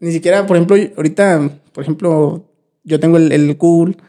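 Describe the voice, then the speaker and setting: A man's voice: fairly high pitch, brisk. A young man with a Mexican accent chatting casually, slangy and full of restarts. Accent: Mexican Spanish. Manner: relaxed slangy, frequent restarts and fillers. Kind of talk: casual chat.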